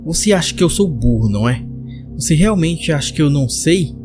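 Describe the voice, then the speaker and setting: A man's voice: on the high side, lively intonation, brisk, lightly acted. A man voicing a bitter, cruel middle-aged father who speaks with scorn, faint music behind. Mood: contemptuous. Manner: scornful, sneering.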